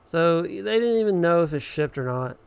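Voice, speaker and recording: A man casually chatting on a live stream while playing a horror game, swearing and yelling at the enemies. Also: on the high side, lively intonation, moderate pace, vocal fry, clear, resonant tone.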